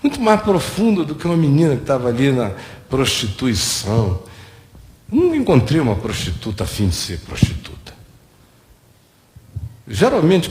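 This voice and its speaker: A man preaching a sermon, telling stories in an animated way and jumping high in pitch at emotional moments. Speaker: pastor. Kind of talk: sermon with storytelling. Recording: long hall reverb.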